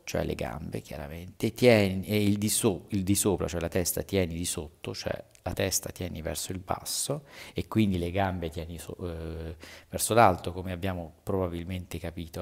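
Male teacher, deep gravelly voice, halting explanations, verses read slow and stressed. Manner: halting explanation, reads verses slowly with raised emphasis. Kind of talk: literature lesson going over homework answers.

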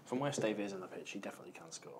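Low voiced guy commentating casually on a tabletop game, bit of background noise. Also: animated, racing. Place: indoor studio.

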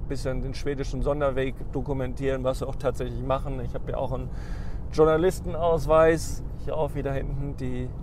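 A man in a car crossing a snowy forest hosts a travel vlog in a mid-range voice, talking a little fast with a flat delivery. He rambles casually through many ums and restarts. The dashboard camera captures him along with faint car noise.

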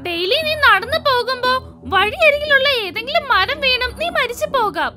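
A woman's voice: extremely high pitch, lively intonation, normal speed. A woman voicing a superstitious young friend who warns of spirits. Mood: warning. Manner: earnest, alarmist. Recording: loud music behind voice.

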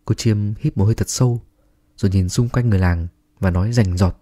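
Male ghost-story narrator, husky and grave, steady scripted read. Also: on the low side, brisk. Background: faint music.

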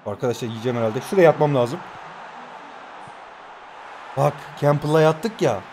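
A man's voice: fairly high pitch, normal speed, a little hiss or hum. A man in his twenties commentating his own mobile football match, calling out player names and chatting to viewers, holding his voice down at night in his new home. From Turkey. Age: 20s. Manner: excitable, shouts player names, talks to viewers. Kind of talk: live gameplay commentary.

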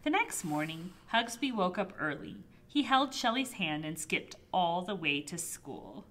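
A woman librarian reading a picture book aloud to toddlers, gently and expressively. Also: fairly low pitch, unhurried, a little hiss or hum. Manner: gentle, expressive storybook reading with soft voices for characters. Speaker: children's librarian. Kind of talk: toddler storytime read-aloud.

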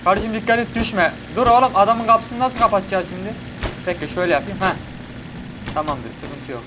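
A man giving chatty, excitable let's-play commentary to his viewers. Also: sits high, fairly quick. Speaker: gaming YouTuber. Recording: game audio and vehicle noise behind.

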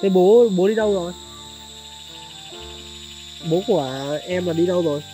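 A man hosting a charity vlog outdoors in a highland village, talking politely to viewers with many fillers. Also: moderate pace, dark tone, faint music behind, rough recording. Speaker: charity vlogger. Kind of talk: vlog narration and chat on location.

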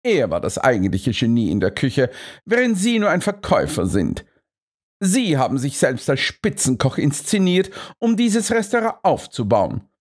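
A man's voice: mid-range voice, huge pitch swings, normal speed, pitched above the performer's own voice. A man reading an audiobook, voicing a shrewd Victorian detective who speaks in a polite, coolly precise and ironic way. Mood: coolly accusing. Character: shrewd male Victorian detective, calm and cutting.

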